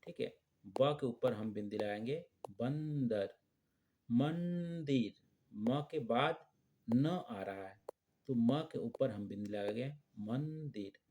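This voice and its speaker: A man's voice: medium pitch, measured pace, darkish tone, a little hiss or hum. A man teaching young children, patiently spelling out letters and words one by one.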